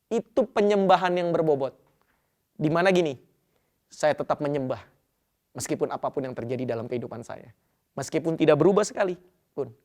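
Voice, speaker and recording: A male pastor giving a sermon in a conversational, colloquial way, acting out prayers as he goes. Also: fairly high pitch. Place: church.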